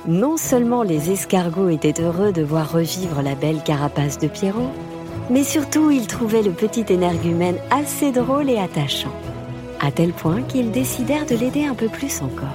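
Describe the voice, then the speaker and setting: A woman narrating a children's story in a lilting, expressive way. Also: mid-range voice, moderate pace. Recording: music bed under the voice.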